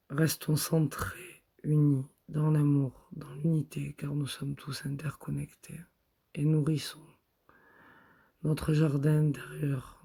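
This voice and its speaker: A man guiding a chakra meditation, speaking soft, repetitive affirmations in the first person. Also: fairly high pitch, vocal fry, breathy edge. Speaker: meditation guide.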